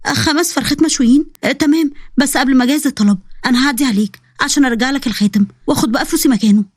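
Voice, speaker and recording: A woman's voice: high voice, racing, breathy edge, dry recording, studio quality. A woman voicing a tired, wary young delivery worker with an Egyptian accent, who talks in a blunt, exasperated way. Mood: firm.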